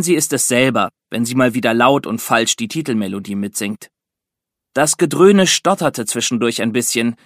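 A man narrating a children's book in a lively, expressive storytelling manner. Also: mid-range voice, no echo, clean studio sound. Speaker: audiobook narrator.

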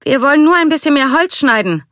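A reader voicing an eager, friendly young male soldier in a storybook read-aloud, talking quickly. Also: medium pitch, fairly bright tone, dry recording, studio quality, lightly acted.

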